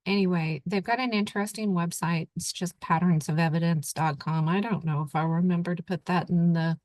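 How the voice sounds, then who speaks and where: A woman's voice: lowish voice, fairly even intonation, brisk, darkish tone, dry recording. A middle-aged woman from Oklahoma hosting a casual screen-share talk, thinking aloud with lots of fillers. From Oklahoma, USA. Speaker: channel host.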